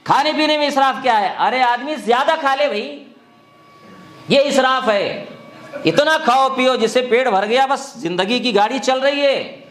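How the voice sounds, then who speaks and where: A man's voice: extremely high pitch, a bit bright, reverberant. A man preaching a sermon, exhorting his listeners with rhetorical questions.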